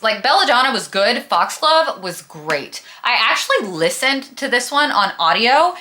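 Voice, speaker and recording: This book vlogger and host, a young woman with a slight lisp, talks about books to the camera in a casual, emphatic, gushing and dramatic style. Her voice is slightly high with a sharp tone.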